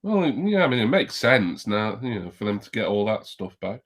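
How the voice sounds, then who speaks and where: A man's voice: on the low side, very animated, a little fast. A man in casual chat on a livestream call, meandering and thinking aloud as he talks.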